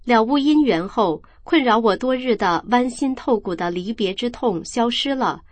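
A woman reading a first-person account aloud in a calm, measured storytelling voice. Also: fairly high pitch, dry recording.

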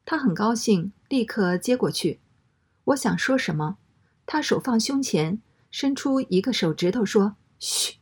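A woman reading a first-person story aloud in a steady, matter-of-fact way. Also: medium pitch, unhurried, slightly rough.

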